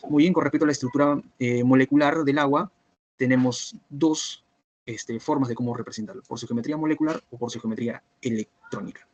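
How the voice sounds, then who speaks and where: A man teaching a biochemistry review class online, who keeps checking whether students follow by asking if everything is clear. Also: medium pitch, steady tone, brisk, no echo, lo-fi sound. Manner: repetitive, checks understanding with "¿está bien?" and "¿cierto?".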